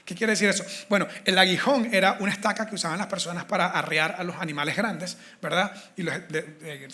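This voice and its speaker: A man preaching a sermon in an animated, conversational way, acting out scripture quotes. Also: high-pitched, a little fast.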